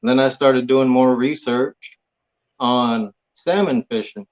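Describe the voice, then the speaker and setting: On a dull lo-fi recording, a Hawaiian guest on a chat show chats casually, keeping his answers short, laid-back, and plain. His medium-pitched voice is slightly mellow, fairly even in intonation, and slow.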